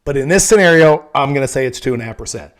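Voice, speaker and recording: A man's voice: mid-range voice, lively intonation, very fast. A man working as a real estate agent, explaining things frankly and casually, often checking in with "okay?".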